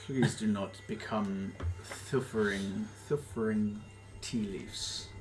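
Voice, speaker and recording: A man's voice: lowish voice, fairly even intonation, slow pace, soft background music. A man voicing a haughty, menacing guardian of a treasure hoard in a tabletop game, formal, curt and condescending. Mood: stern, threatening.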